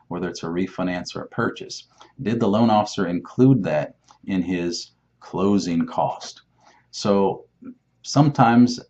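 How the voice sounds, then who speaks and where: Through a dull, muffled lo-fi recording comes a man's deep, slightly mellow voice. He's a lender giving mortgage advice in a casual explainer, plain-spoken and emphatic, regularly raising questions only to answer them himself.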